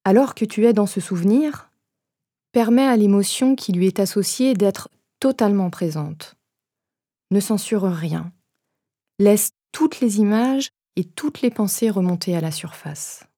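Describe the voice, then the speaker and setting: A woman leading a guided meditation, giving gentle, unhurried instructions in a soft voice with pauses between phrases. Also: mid-range voice, expressive, husky.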